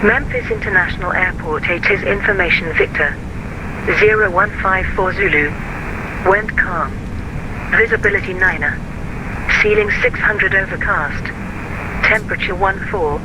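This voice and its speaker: Give me a high male automated airport weather broadcast. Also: normal speed, background noise. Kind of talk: recorded weather and runway information bulletin.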